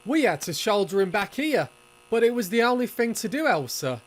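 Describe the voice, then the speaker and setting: A man's voice: high voice, sing-song, moderate pace. A man voicing a wry, grandiloquent undertaker in a cartoon fan dub, with a wordy, theatrical, sardonic delivery. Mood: wry storytelling. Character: wry, grandiloquent male undertaker and bootlegging accomplice. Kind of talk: animated fan dub acting.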